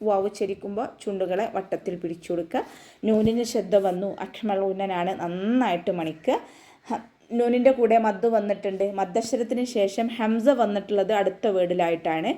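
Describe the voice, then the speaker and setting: A woman's voice: medium pitch, a little fast, mellow. A woman teaching an online recitation class, explaining pronunciation rules step by step in a patient voice.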